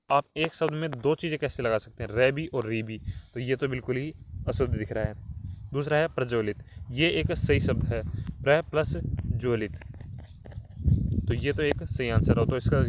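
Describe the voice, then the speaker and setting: A male teacher goes through test answers in an online class, explaining step by step and asking rhetorical questions. His voice sits at an ordinary pitch. A clear hiss and some clicks run under the recording.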